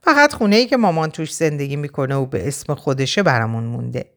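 A woman's voice: deep voice, lively intonation, fairly bright tone. A woman reading as a bitter young man. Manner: resentful, complaining. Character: young man, bitter and aggrieved about his father.

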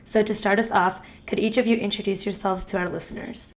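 A woman co-hosting a podcast, reading a measured scripted intro. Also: medium pitch, steady tone. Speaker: podcast co-host. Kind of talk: scripted intro then casual chat.

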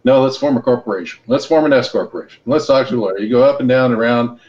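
Racing through his points at medium pitch, a middle-aged American guest on a podcast breaks down business in casual, down-to-earth language and personal anecdotes. He comes from Los Angeles and Hawaii. The recording is muffled.

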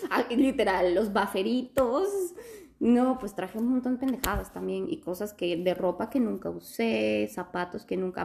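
A young woman from Quito with an Ecuadorian Spanish accent, telling a story in casual chat with animated bursts of laughter. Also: medium pitch, a little hiss or hum. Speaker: guest telling her story.

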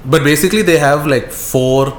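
A man with an Indian accent and a slightly high voice speaks at a normal speed as a podcast co-host in a casual, animated chat. He tells stories in slangy, profane language and repeats himself for emphasis, recorded with a roomy echo and faint background noise.

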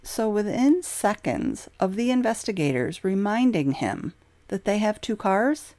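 A woman giving scripted true crime narration in an emphatic, expressive way. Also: medium pitch, a little slow, no room sound.

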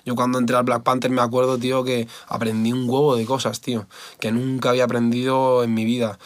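Man, fighter guest, blunt casual talk, dry close sound, middle pitch. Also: little pitch movement, a little fast, no echo. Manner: candid and blunt, swears often, says "tío" and "¿sabes?" a lot. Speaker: MMA fighter, podcast guest.

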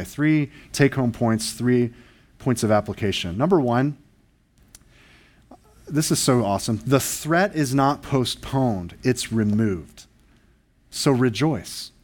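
Man, pastor, sermon, earnest, emphatic, mid-pitched voice. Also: a little mellow. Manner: earnest, emphatic preaching with rhetorical questions.

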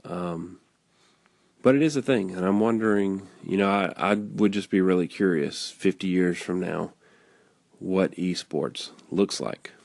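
A man hosting a casual podcast, talking in a nasal, raspy voice, rambling with fillers and restarts. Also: low-pitched, unhurried, a little mellow, no room sound. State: hoarse. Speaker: podcast host. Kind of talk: casual solo talk.

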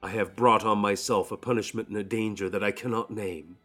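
A man voicing a tormented, secretive doctor whose letter he reads in a grave, measured way. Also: lowish voice, steady tone, a bit bright, faint music behind.

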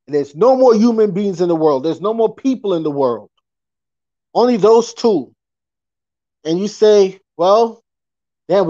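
A man's voice: fairly high pitch, a little mellow, no echo. A man hosting a podcast in a casual live-stream rant, emphatic, repeating his points and asking rhetorical questions. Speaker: podcast host. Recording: dry, dull lo-fi audio.

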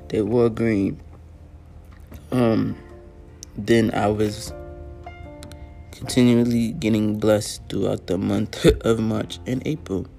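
Guy hosting his own show, low gravelly voice, earnest and a bit tired, keeps clearing his throat. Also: flat delivery, slow pace, pauses often, dark tone, soft background music. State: tired, yawning. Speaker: podcast host. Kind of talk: casual personal storytelling.

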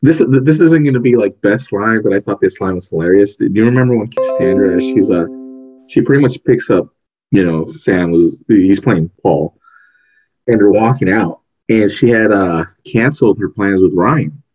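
Excitable husky-voiced man. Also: lowish voice, moderate pace, soft background music, rough recording. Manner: animated, excitable storyteller. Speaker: podcast co-host. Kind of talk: casual movie review chat.

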